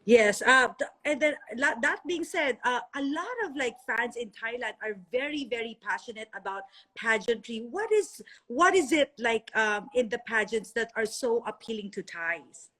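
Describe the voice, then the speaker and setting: Woman host, effusive, bright voice, a bit high, trips over words, video-call sound. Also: lively intonation, normal speed, few pauses. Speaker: interviewer, skincare sponsor. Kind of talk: casual live-stream interview. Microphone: phone or laptop video call.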